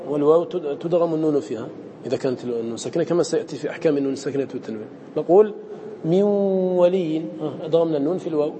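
Fast-talking male teacher, dark voice. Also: on the high side, big-room sound, slight background noise. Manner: quizzes students, slowly drawing out quoted verse. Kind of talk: classroom lesson.

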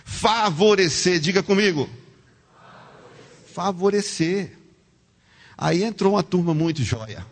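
Husky male preacher, lively pitch, in a reverberant church hall. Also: slow, pauses often. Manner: animated, calls the congregation to repeat words. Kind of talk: sermon.

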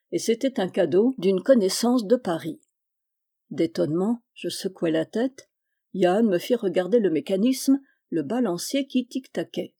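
A woman reading a novel aloud with measured, steady storytelling narration. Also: medium pitch. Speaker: audiobook reader.

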